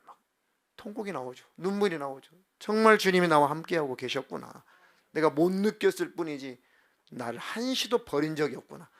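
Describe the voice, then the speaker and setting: A male pastor preaching a sermon in church, acting out heartfelt prayers and swinging from soft to loud. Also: on the high side, creaky. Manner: acts out prayers and inner voices with big swings in loudness. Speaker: senior pastor. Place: church sanctuary.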